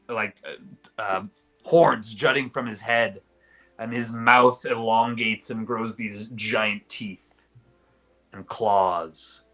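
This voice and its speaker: A man's voice: medium pitch, a bit bright, low-quality recording. A man narrating a tabletop game as game master, improvising vivid descriptions in colloquial language.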